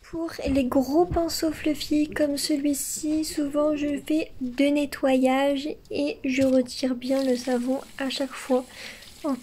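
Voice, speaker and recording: A woman giving a soft, gentle, instructional tutorial voice-over as a makeup artist. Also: high voice, level tone, takes it slowly, slight background noise. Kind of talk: scripted tutorial voice-over with soft ASMR touches.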